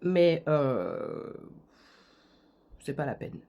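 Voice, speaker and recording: A woman with a slightly low voice talks straight to her critics in a casual vlog rant. She answers them sarcastically, with plenty of hesitant fillers between her retorts. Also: wildly swooping pitch, extremely slow, creaky, warm tone. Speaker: YouTuber answering hater comments. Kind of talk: casual vlog rant, reading comments aloud.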